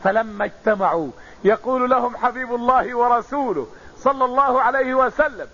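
Male preacher, very high and breathy, lesson delivery on a muffled recording. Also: fairly quick, pushed and bright. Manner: explains with everyday examples, repeats phrases. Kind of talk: religious lesson.

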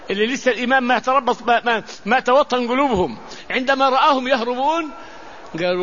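High-voiced preacher, lo-fi. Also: male voice, slight background noise. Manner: animated storytelling with recited verses. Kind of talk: sermon. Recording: dull lo-fi recording.

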